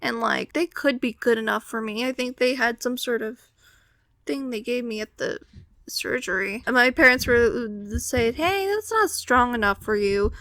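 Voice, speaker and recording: A woman's voice: fairly high pitch, steady tone, normal speed, pushed and bright, no echo. A teenage girl telling a personal story casually, with wry, exasperated complaints and acted-out quotes.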